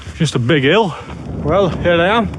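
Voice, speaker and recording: A man's voice: on the high side, animated, normal speed. A man with a Bradford, West Yorkshire accent, chatting casually and bluntly in northern dialect for a solo camping vlog. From Bradford, West Yorkshire, England. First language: English. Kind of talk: casual walking vlog chat. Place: outdoors on open moorland, walking. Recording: outdoor background noise while walking.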